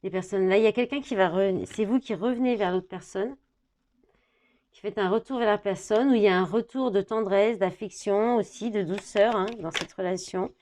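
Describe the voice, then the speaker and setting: A woman giving a tarot reading to camera, thinking out loud as she reads the card words and dropping in small fillers. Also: medium pitch, fairly quick.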